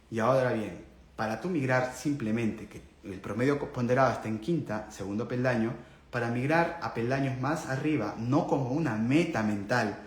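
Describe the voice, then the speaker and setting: A man giving a live spiritual talk, explaining earnestly and checking in with his listeners through questions. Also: lowish voice. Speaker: spiritual teacher. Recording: echoey room with faint background noise.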